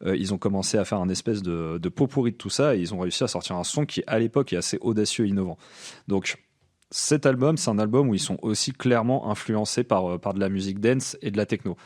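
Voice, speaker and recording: Chatty man with a lowish voice. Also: fast talker, darkish tone. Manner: enthusiastic, frequent fillers and restarts. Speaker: podcast co-host. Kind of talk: casual music chat.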